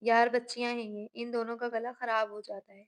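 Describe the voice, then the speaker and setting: A playful young husband who teases his wife and daughters, as a woman reads him aloud. He jokes lightly, in a slightly high voice. The lines come from a narrated audiobook novel. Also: little pitch movement, brisk, close to an everyday voice. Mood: teasing. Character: young married man, teasing and playful.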